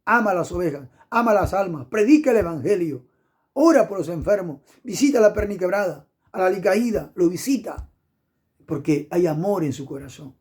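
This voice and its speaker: A man's voice: high-pitched, expressive, fairly quick, a little mellow, breathy edge. A middle-aged man preaching an impassioned sermon, fervent and repetitive, punctuated with hallelujahs.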